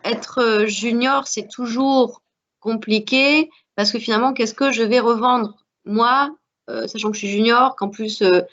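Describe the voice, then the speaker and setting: A woman's voice: a little high, steady tone, unhurried, fairly bright tone. French woman with dull lo-fi sound. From France. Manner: earnest, many hesitations. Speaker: alumna guest. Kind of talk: panel discussion. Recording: dull lo-fi audio.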